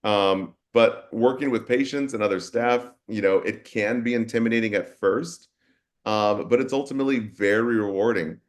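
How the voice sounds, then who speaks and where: A man with a fairly low voice talks through a casual webinar as a nurse educator. He sounds easygoing, with plenty of fillers and loose restarts as he chats. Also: normal speed. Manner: relaxed, with many fillers.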